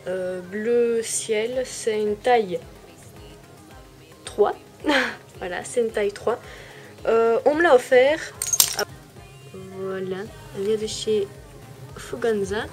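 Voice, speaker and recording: A woman's voice: medium pitch, slow pace, pauses often, a little mellow, faint music behind. A woman, casually showing and explaining her things to viewers in an easygoing, self-deprecating way. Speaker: vlogger. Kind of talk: casual show-and-tell.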